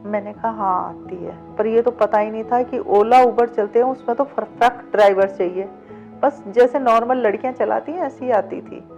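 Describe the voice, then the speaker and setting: A woman's voice: on the high side, moderate pace, darkish tone. A middle-aged woman telling her own life story in an interview, acting out the past conversations as she goes. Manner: vivid retelling that acts out past dialogue. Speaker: interview guest, cab driver. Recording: dull lo-fi sound with faint background music.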